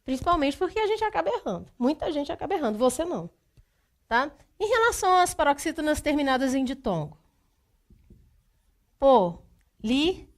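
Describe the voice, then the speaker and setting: Woman teacher, high voice, goes over grammar rules again and again, keeps checking you got it. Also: big pitch swings, fast talker. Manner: methodical, repeats rules, checks in with "tá?"; speaks straight to the student. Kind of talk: exam-prep grammar lesson.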